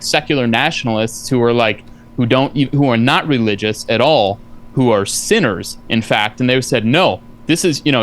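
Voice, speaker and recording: A man in a heated debate, talking insistently in a lecturing way and cutting in with repeated no's. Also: mid-range voice. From family from Eastern Europe. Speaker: debate guest.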